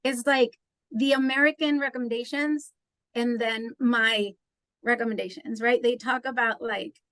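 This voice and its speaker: A woman's voice: fairly high pitch, steady tone, measured pace, a bit bright, no echo. A woman from Mexico, an assistant professor asking a chatty question at a talk. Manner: chatty, thinking aloud.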